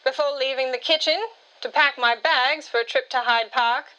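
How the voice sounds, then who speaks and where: Self-assured woman narrator for a radio story, high and bright, witty delivery. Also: steady tone, moderate pace, lo-fi sound.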